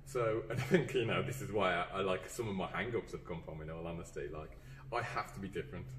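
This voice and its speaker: A man's voice: deep voice, quick pace, fairly bright tone, slight background noise. A man from Dudley, a teacher chatting earnestly as a podcast guest, with lots of fillers and restarts. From England (Dudley). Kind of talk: casual podcast chat. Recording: roomy, distant mic, faint background.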